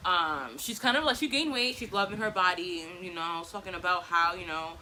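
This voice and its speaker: A woman's voice: lowish voice, fairly quick, pushed and bright, slight background noise, poor audio. A woman, chatting casually and animatedly in slangy bursts while she does her makeup. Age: 20s. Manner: talking distractedly while applying makeup. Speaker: vlogger. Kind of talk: casual get-ready-with-me chit chat.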